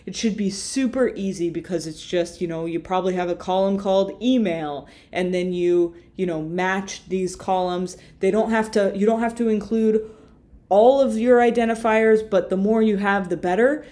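This is a screen-share software tutorial led by a young woman who works as a marketing tutor. She has a mid-range voice and explains things in a relaxed way, sprinkling in fillers and fixing her own slips, captured by a webcam in a small room.

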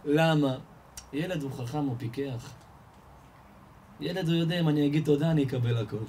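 A man giving a lively Torah lesson to an audience, telling everyday stories and firing rhetorical questions that he answers himself. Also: a little hiss or hum. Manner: animated storyteller, asks and answers his own questions, rises in pitch and volume. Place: live event hall before an audience.

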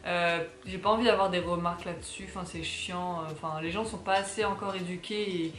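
A woman's voice: lowish voice, fairly even intonation, a little fast, a bit bright, echoey room. A young woman from France chatting casually to camera in her apartment, rambling with lots of fillers. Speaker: vlogger. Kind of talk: casual vlog chat. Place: apartment, indoors.

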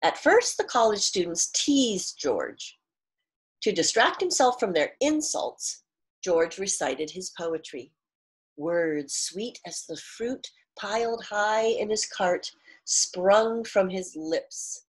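In a small living room at home, a middle-aged woman reads a storybook aloud with a teacher's expressiveness, stressing key words on purpose and pausing to explain. Her medium-pitched voice is lively with a breathy edge.

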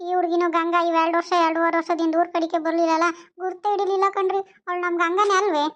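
A woman's voice: very high voice, level tone, fast, a bit bright, muffled recording. A woman voicing a worried, chatty village woman in a cartoon. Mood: fretting. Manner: fretful, chatty. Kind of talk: cartoon voice acting.

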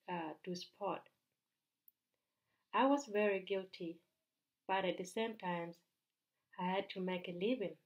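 A Ugandan woman in her thirties speaks straight to the camera in a bright room, her voice in a middle pitch. She pitches earnestly and persuasively, stumbling and restarting now and then. The sound is a little dull and lo-fi. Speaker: business mentor. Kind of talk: direct-to-camera sales pitch.

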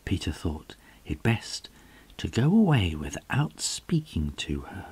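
Middle-aged male storyteller, husky and very animated, slow dramatic delivery for a children's picture book. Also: deep voice, no echo. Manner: dramatic, drawn-out phrasing with hushed, breathy moments. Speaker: storyteller reading aloud. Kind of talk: expressive children's storybook reading.

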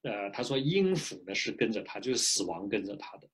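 A male pastor preaching a sermon in a lively, animated way, pausing often for an interpreter, speaking from a small home office into a webcam. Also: lowish voice, slightly rough. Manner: lively preaching with frequent filler particles.

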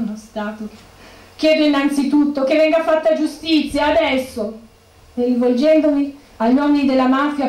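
A woman's voice: high voice, darkish tone, close to an everyday voice. An actress playing the grieving widow of a murdered policeman, bitter and accusing, in a stage monologue. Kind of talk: theatrical monologue. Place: bookshop stage. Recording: echoey room.

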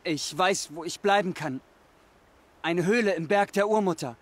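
An anguished, haunted outcast. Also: male voice, high-pitched, normal speed. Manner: anguished, pleading, desperate. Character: troubled young man haunted by voices, pleading. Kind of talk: video game dub.

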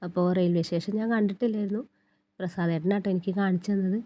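Very dark-voiced woman with a stuffy cold. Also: medium pitch, steady tone, fast. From north Kerala. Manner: chatty and homely, tags sentences with friendly asides. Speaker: travel vlogger. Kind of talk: casual travel vlog narration. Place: riding on a bus.

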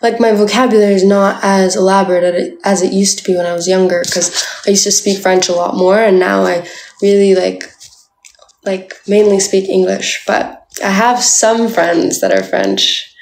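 A young Canadian woman livestreams from a small room indoors, phone at arm's length, casually and playfully chatting with viewers and saying "like" constantly. Her mid-range voice is gravelly and a little mellow, at a moderate pace. The audio is poor, with a roomy sound.

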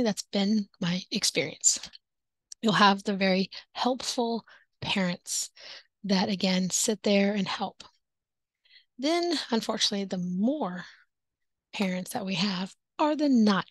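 A woman's voice: medium pitch, dry recording, low-quality recording. Woman, online English teacher, casual tips to camera, acts out classroom talk, whispered asides, mid-range voice, dry close sound. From native English speaker.

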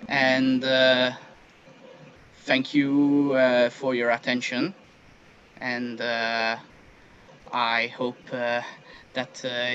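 A man closing his presentation in halting speech with many fillers. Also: mid-range voice, a bit bright. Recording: muffled call audio with faint noise.

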